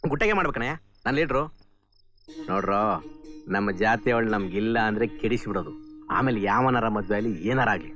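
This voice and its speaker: An actor playing a scheming middle-aged village leader who gives bossy orders in film dialogue. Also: male voice, on the low side, expressive, a little fast, fairly bright tone, faint music behind. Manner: bossy, commanding.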